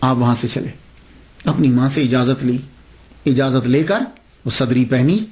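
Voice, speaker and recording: A man's voice: medium pitch, fairly even intonation, darkish tone. A man telling a saint's story as a sermon, acting out the dialogue with big swings in his voice. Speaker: Islamic preacher.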